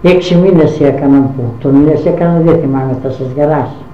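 A woman's voice: low voice, a little hiss or hum. An older woman tells a family story from her past in an interview, acting out who said what. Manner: animated, acts out dialogue with many "she says" tags. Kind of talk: oral history storytelling. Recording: echoey dull lo-fi recording.

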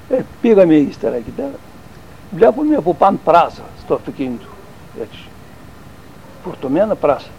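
An older man recalling his army service in a halting, rambling interview, full of restarts and fillers. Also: on the high side, big pitch swings, a little mellow, dull audio, slight background noise. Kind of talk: oral history storytelling.

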